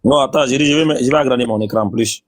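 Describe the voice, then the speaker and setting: A man's voice: mid-range voice, rapid-fire. A man in a religious debate, insistently repeating his questions.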